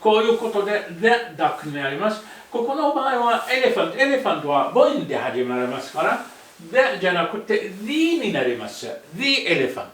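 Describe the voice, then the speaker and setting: A man, a non-native speaker whose first language is Arabic, teaching a language lesson and slowly repeating phrases with frequent self-corrections. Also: sits high, very animated, a bit bright. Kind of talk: slow, repetitive language lesson, mixing English and Japanese. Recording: echoey room, voice far from the mic.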